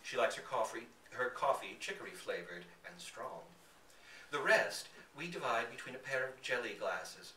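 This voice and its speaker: At an indoor public reading in a bookstore, a man reads a literary story aloud with theatrical, dramatic emphasis. His mid-range voice moves at a moderate pace, picked up by a distant mic in a roomy space with faint background noise.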